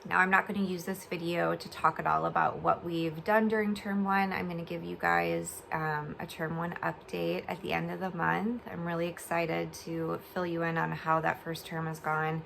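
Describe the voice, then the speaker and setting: Woman with creaky, slightly slurred post-surgery speech. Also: on the low side, flat delivery, moderate pace, hardly any pauses, fairly bright tone, a little hiss or hum. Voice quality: slightly slurred, swollen-mouth speech after oral surgery. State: recovering from oral surgery, talking a bit funny. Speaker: homeschool vlogger. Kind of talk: casual chatty vlog. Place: bed at home.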